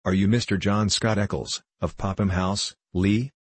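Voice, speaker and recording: An energetic police inspector, read by a man speaks in a brisk, official way. His voice is deep and slightly husky. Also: dry recording.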